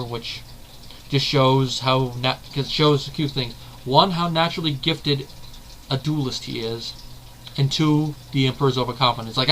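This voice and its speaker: With a sharp, medium-pitched voice, a male video host rambles through casual fan commentary, constantly saying "basically." He's analytical and corrects himself along the way. A little hiss or hum sits in the audio.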